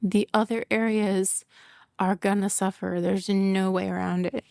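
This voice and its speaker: A woman's voice: mid-range voice, level tone, a little slow, vocal fry, a little mellow, no room sound, clean studio sound. A middle-aged woman hosting a podcast in casual solo talk, candid and emotional, laughing often and swearing, full of "like" fillers. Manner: emotional, confessional. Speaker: podcast host.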